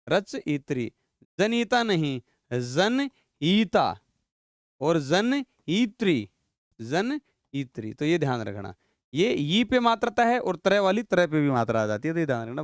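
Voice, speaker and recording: A man teaching an online exam-prep grammar class, quizzing his students and repeating each word slowly so they catch it. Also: fairly high pitch, no room sound, studio quality.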